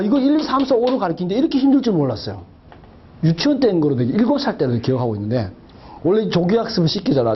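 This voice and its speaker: Lively, high-voiced man teaching math. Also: dull audio, slight background noise. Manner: chatty, jokey, talks to students with many rhetorical questions. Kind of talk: lecture.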